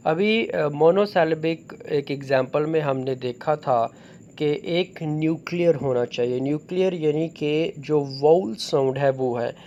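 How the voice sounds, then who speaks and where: A man delivers a lecture on syllable structure. He speaks slowly and deliberately in a slightly raised pitch, pausing on fillers as he explains each point. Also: vocal fry, a little mellow, muffled recording. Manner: slow, deliberate, with frequent fillers. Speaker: teacher.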